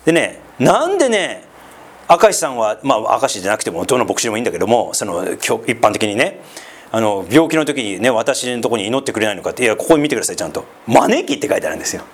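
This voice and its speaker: A pastor from Sendai in northeastern Japan gives a conversational sermon, talking fast with a very lively, swooping pitch. He's chatty, full of asides and tag questions.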